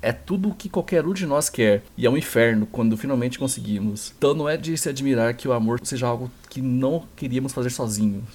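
Guy doing an earnest priest at a wedding, husky, brazilian accent, reads it slow and serious. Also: mid-range voice, animated, darkish tone, pitched below the performer's own voice, close to an everyday voice. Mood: solemn. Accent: Brazilian Portuguese. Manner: slow, solemn reading. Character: earnest male priest giving a wedding speech.

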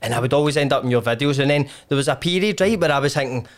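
A man's voice: mid-range voice, rapid-fire. A man with a broad Scottish accent hosting a casual interview, rambling through his questions in a matey, sweary way. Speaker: podcast host.

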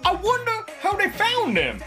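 Woman as a squeaky, eager young cartoon sidekick. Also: huge pitch swings, normal speed, exaggerated voice. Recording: loud music behind.

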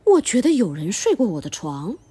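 A woman voicing a big, grumbling father bear in a storybook reading, loud and gruff. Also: mid-range voice, wildly swooping pitch, fairly quick, exaggerated voice.

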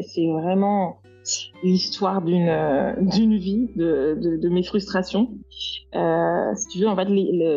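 A woman's voice: lowish voice, darkish tone, husky, muffled recording. A woman in her thirties from France, a guest on a podcast interview, speaking hesitantly with many fillers. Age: 30s. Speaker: guest, skincare founder.

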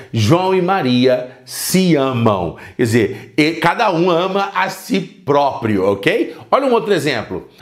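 Lively-voiced man teaching English. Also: on the high side, reverberant. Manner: says English examples slowly, then explains quickly. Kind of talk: bilingual language lesson.

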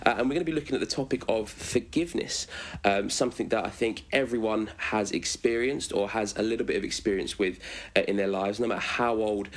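A man's voice: fairly low pitch, brisk. Easygoing man hosting a video-call chat. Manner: relaxed, many ums and uhs. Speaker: host.

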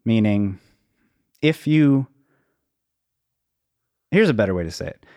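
A man with a fairly low voice speaks in a dry, close acoustic. He talks reflectively and casually, halting and rewording as he works out each thought. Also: animated, mellow, no echo. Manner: halting, circling and rephrasing as he thinks aloud.

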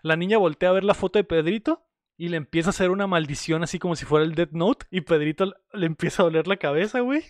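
A Mexican man retells a film scene by scene in a loose, slang-heavy ramble. His voice sits fairly high. The sound is dry and close, with no room around it. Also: fast talker, no room sound. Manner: rambling storyteller, fills lines with slang. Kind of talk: casual movie recap chat.

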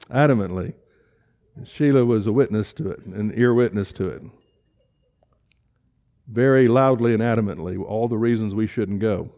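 A middle-aged man preaching in a church, earnest and emotional, often halting and restarting his sentences. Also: on the low side, warm tone. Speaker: pastor. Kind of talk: sermon. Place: church sanctuary.

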